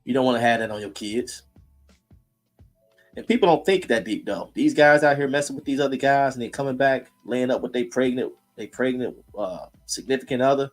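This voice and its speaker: A man's voice: medium pitch, brisk, faint music behind. A man hosting a casual streamed talk, blunt and preachy, in heated street slang. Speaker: host.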